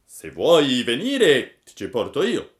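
A man's voice: medium pitch, huge pitch swings, takes it slowly, voice pushed up. A man voicing a large, kindly pigeon in a storybook reading, matter-of-fact with small hesitant fillers. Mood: helpful.

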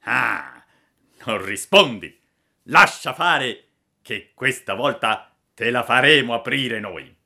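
A man's voice: medium pitch, expressive, slow pace, vocal fry, pushed and bright, full character voice. A man voicing menacing male assassins in a storybook reading, growling threats and sneering. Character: two menacing male assassins, brutal and mocking.

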